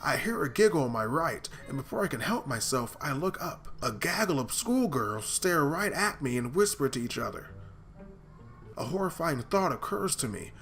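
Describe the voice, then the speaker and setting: A man with a fairly high voice reads a game's story aloud, acting out the lines and breaking off now and then for joking asides. Faint music plays under him. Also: very animated, moderate pace, gravelly, fairly bright tone. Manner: dramatic reading broken by joking asides. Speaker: gaming channel host. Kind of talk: reading a visual novel aloud with asides.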